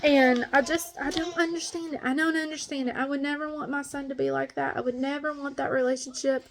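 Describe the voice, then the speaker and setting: A woman's voice: high voice, fairly even intonation, fairly quick, a little hiss or hum. A woman ranting bluntly and angrily as a stepmom in a casual vlog monologue. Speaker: stepmom vlogger.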